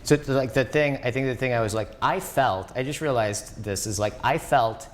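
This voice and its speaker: A man's voice: mid-range voice, moderate pace, slight background noise. A man talking as a podcast guest. He reflects aloud, feeling his way through his thoughts. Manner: thoughtful, searching for words. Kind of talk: reflective conversation.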